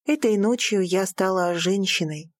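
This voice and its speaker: Woman reading an audiobook, middle voice, expressive, dry close mic. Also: measured pace, no echo. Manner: expressive, rising high for the heroine's lines. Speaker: audiobook narrator. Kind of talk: first-person audiobook narration.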